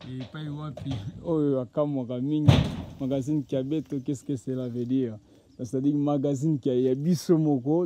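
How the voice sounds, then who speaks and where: Out in open grassland, a reporter with a slightly high, dark-toned voice presents a building project in a casual field report. He holds his phone to film, moves back and forth between Lingala and French, and talks in a chatty way full of repeated words.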